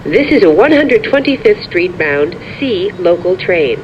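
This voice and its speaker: A prerecorded train announcer heard over a subway car's intercom, giving stops in an even, measured delivery. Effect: over a train intercom speaker. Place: inside a subway car. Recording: muffled lo-fi train speaker, rumble behind.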